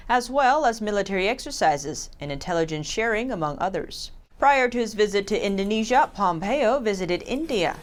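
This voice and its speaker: Woman news anchor, medium pitch. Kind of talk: scripted news narration.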